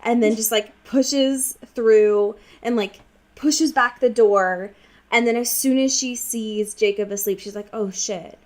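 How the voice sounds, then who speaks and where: Speaking at a measured pace in a slightly high voice, a woman co-hosting a podcast recaps a book in casual conversation. She's wry and informal with plenty of slang, and she acts out lines along the way.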